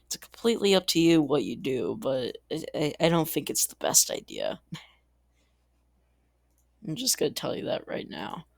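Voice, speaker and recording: A man's voice: fairly high pitch, wildly swooping pitch, normal speed, vocal fry, pauses often, dry recording, clean studio sound. A man giving casual, rambling commentary over a strategy game, chatty and full of asides, little laughs and mild exasperated swearing. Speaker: gaming channel host.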